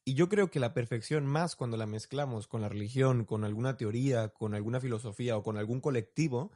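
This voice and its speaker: A man's voice: mid-range voice, brisk, mellow. Man, young adult, co-host, casual chat, reflective, rhetorical questions.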